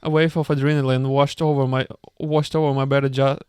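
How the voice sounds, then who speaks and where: Man reading a book aloud with commentary, smooth resonant voice, occasional stumbles, amused asides. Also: medium pitch, little pitch movement, a little fast, darkish tone, no echo, studio quality. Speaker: reader.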